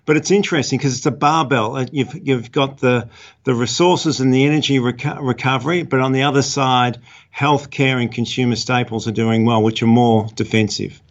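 A man explaining markets as an interviewed fund manager, measured and halting with repeated words, on lo-fi audio. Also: medium pitch, steady tone.

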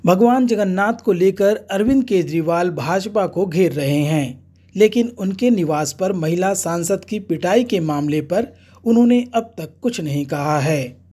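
Husky mellow-voiced news anchor, reads it steady and formal. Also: mid-range voice, unhurried. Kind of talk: scripted news narration.

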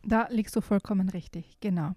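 Mellow-voiced woman discussing books. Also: mid-range voice, a little fast, dry recording, clean studio sound. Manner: thoughtful, with fillers and restarts. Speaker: book reviewer on a radio show. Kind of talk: conversational book discussion with read-aloud excerpt.

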